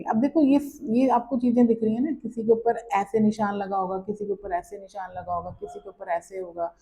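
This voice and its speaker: A woman teaches pronunciation rules at an unhurried, deliberate pace. Her voice is mellow and somewhat dark in tone. She repeats each point patiently and checks in often with short "right?" tags, like a classroom tutor. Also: medium pitch, rough recording. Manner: patient and repetitive, restating each rule with frequent checks like "right?". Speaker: language teacher. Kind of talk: slow classroom-style explanation.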